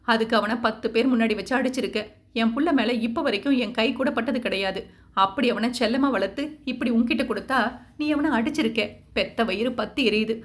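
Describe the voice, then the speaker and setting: Woman doing an angry mom yelling at everyone, bit high voice, audio novel. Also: fairly quick, lightly acted. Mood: bitter. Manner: scolding, shouting. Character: furious grieving middle-aged mother.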